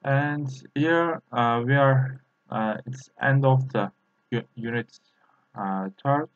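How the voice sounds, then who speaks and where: Male language tutor practicing tones: mid-pitched, extremely unhurried, halting and repetitive, on a muffled low-fidelity recording. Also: dry recording. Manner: halting, repetitive, drilling each syllable. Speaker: Chinese language teacher. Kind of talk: slow pronunciation lesson, practicing tones by repeating syllables. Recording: dull lo-fi recording.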